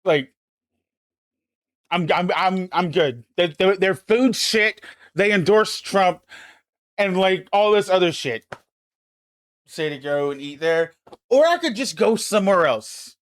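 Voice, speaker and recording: High-voiced guy streaming, ranting and cussing, super dry close sound. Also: lively intonation, slow pace, long pauses, no echo. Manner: ranting, emphatic and profane. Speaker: livestream host. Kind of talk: casual chat.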